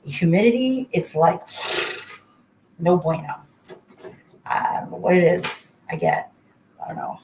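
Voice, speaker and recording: A woman with a fairly low voice hosts a casual livestream from an echoey bathroom. She talks in a chatty, informal way straight to her viewers, with noticeable noise behind her. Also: huge pitch swings, measured pace, long pauses, a little mellow. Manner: chatty, addresses viewers by name. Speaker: livestream host. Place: indoors, in a bathroom.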